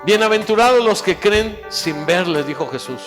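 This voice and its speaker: A man preaching a sermon as pastor, exhorting fervently and dropping now and then into quiet asides. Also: high voice, expressive, moderate pace. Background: instrumental music.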